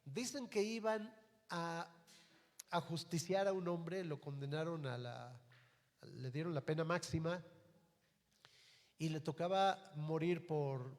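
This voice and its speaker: Mexican pastor preaching in a reverberant church. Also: male voice, on the high side. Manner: storytelling, earnest and direct. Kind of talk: sermon. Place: church hall. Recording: long hall reverb.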